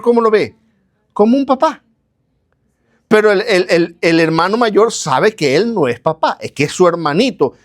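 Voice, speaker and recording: Preaching man, questions and answers. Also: high-pitched. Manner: rhetorical questions answered himself; repeats phrases in lists. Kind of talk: sermon.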